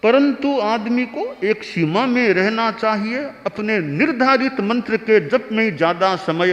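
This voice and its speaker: A man giving a slow religious discourse, teaching pronunciation and chanting mantras softly. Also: high voice. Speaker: Jain monk preacher. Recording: long hall reverb.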